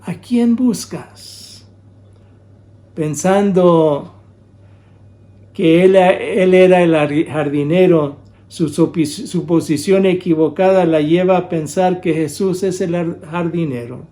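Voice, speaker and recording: A man's voice: a little high, fairly even intonation, slow, mellow. A man preaching a sermon, urging his listeners with repeated rhetorical questions.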